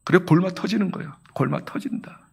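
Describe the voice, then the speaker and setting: A man with a notably high voice preaches to his church, dramatic and fervent. He acts out the people in his story and lets his voice climb into tearful, crying pleas. He throws rhetorical questions back at the congregation. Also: a little fast, vocal fry, a little mellow, slightly rough. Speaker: senior pastor. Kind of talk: emotional sermon. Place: church sanctuary.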